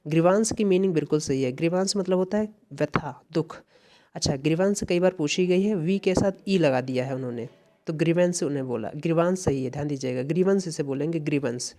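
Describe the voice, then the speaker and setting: A man's voice: a little high, fairly quick, darkish tone. A man teaching English for exams in Hindi and English with an Indian accent, explaining step by step and repeating key phrases. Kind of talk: exam-prep lesson.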